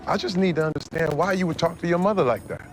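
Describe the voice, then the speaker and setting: An actor playing a stern father sitting down with his teenage son, calm and firm. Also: a little high, a little fast, a little hiss or hum, close to an everyday voice, poor audio. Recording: clip from a sitcom with faint ambience.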